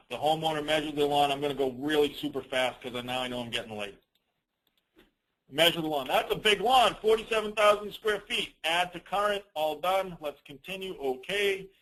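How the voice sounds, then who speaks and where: A man with a fairly high voice speaks briskly while presenting a business training call as a rambling, informal software demo. He drops in teasing jokes at his own expense, and the recording quality is low.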